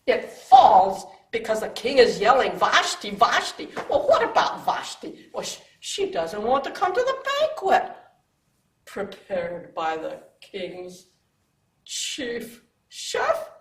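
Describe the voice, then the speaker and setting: A woman's voice: fairly high pitch, wildly swooping pitch, slow, reverberant, far from the mic, full character voice. An actress playing a frantic royal chief chef who wails melodramatically over her fallen desserts. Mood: distraught. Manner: melodramatic, wailing.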